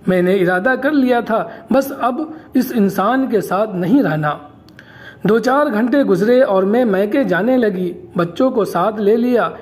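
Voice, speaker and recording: A woman's voice: mid-range voice, expressive, a little mellow. A woman telling a dramatic first-person story in an emotional storytelling manner, as a channel storyteller.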